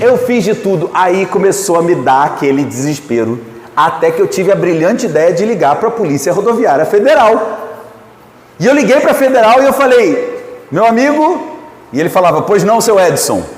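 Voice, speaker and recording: Animated Brazilian pastor in an echoey hall. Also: male voice, sits high. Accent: Brazilian Portuguese. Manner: lively storytelling, asks the audience questions. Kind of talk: sermon to couples.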